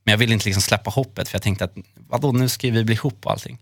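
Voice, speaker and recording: Earnest man with a low voice. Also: fairly bright tone, no room sound, studio quality. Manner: earnest, halting, many fillers. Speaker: podcast host. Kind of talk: personal storytelling in a chat.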